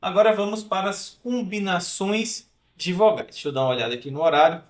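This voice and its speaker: Man, language teacher, unhurried explanations, slightly high voice, roomy echo. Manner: explanatory, drills sounds slowly, frequent "né?" and "tá?" check-ins. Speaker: French pronunciation teacher. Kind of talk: online pronunciation lesson.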